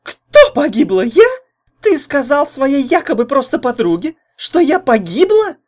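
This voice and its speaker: A man reading an audiobook, voicing a tall, jealous, spiteful young woman who shrieks very high and loud. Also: big pitch swings, normal speed. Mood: mocking. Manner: shrill, screeching, spiteful.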